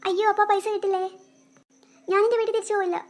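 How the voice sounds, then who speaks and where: A woman's voice: very high voice, little pitch movement, racing, voice pushed up. A woman voicing a worried little girl in a cartoon who has lost money, tearful and anxious. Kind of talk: cartoon voice acting.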